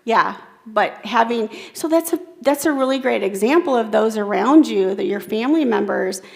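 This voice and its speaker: Gravelly-voiced woman giving an engaging keynote. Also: fairly high pitch, expressive, moderate pace, a little mellow. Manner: engaging, repeats audience comments back. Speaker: keynote speaker. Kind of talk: interactive talk with audience.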